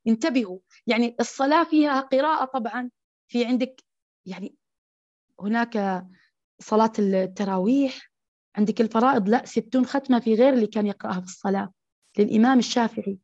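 A woman's voice: a little high, fast talker, pauses often, a little mellow, no echo. A woman preaching an impassioned Ramadan sermon to other women, rising to emphatic peaks. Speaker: religious preacher. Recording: dull, dry close recording.

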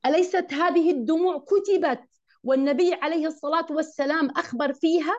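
A woman's voice: high-pitched, quick pace. A woman teaching a religious lesson to women, emphatic and often asking her listeners questions. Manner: emphatic, asks the audience questions. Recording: dull lo-fi recording.

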